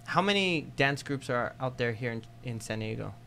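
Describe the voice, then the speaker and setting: A man's voice: mid-range voice, animated, normal speed, gravelly, sharp tone, a little hiss or hum. A man in his thirties hosting a casual podcast, prompting his guest with friendly questions into a studio mic. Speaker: podcast host, tattoo artist. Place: small studio with red curtains. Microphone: studio mic on boom arm, headphones.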